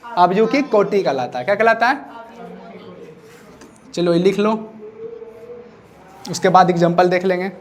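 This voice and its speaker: A man's voice: high voice, unhurried, long pauses. Man teaching maths. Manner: repeats questions to prompt students. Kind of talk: classroom lecture.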